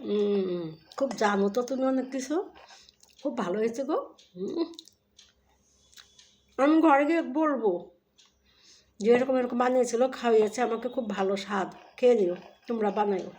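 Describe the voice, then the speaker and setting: A woman's voice: on the high side, normal speed, long pauses, a little mellow. A woman vlogger chatting casually as she is served homemade sweets, fussing over the portions and praising the cooking. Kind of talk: casual chat while eating.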